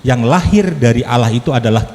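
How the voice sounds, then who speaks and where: A brisk, expressive, slightly mellow mid-range voice comes from a man in his fifties preaching as a lay speaker. His sermon mixes humor and chat, with questions that draw the congregation in. The church hall echoes, with faint noise behind him.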